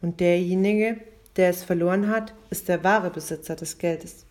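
A woman voicing a calm, gently firm mother in a storybook reading. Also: lowish voice, moderate pace, close to an everyday voice. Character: patient, firm widowed mother.

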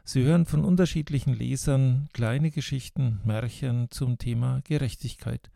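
A man with a gravelly voice reading a short scripted introduction to a project. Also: mid-range voice, normal speed. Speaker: project announcer.

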